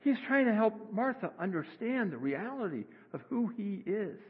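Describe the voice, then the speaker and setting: A man preaching a sermon as pastor, earnest and conversational, with sudden rises in pitch. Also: very animated, moderate pace, breathy edge. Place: church sanctuary. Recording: tinny phone-like sound, long hall reverb.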